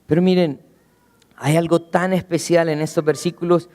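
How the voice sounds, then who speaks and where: A man preaching a sermon as pastor, earnestly asking rhetorical questions and slowing down, going low for emphasis. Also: level tone, darkish tone, in a large hall. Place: church.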